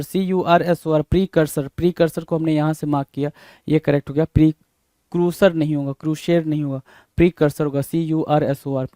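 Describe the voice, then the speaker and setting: Man, exam spelling teacher, repetitive rhetorical questions, high pitch, dry close sound. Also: darkish tone, smooth, dry recording. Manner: repetitive, rhetorical questions, calls students "bhai". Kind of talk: exam prep lesson, spelling out words letter by letter.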